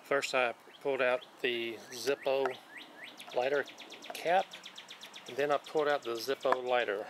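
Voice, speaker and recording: A man hosting his own channel, calmly walking through the items he found one by one in casual show-and-tell narration, recorded outdoors on a dock. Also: medium pitch, background noise. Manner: plain, unhurried, listing items one by one. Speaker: channel host showing magnet fishing finds. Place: outdoors on a wooden dock by a lake.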